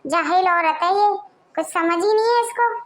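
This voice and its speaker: Casting: a harsh domineering husband, voiced by a woman in a very high voice, barking orders. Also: normal speed. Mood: harsh scolding. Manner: scolding, commanding. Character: bossy harsh husband scolding his wife.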